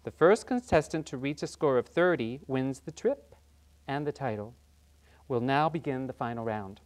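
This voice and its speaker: A performer playing a lively game show host. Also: mid-range voice, natural voice. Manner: brisk, announcing questions and scores. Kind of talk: scripted game show parody.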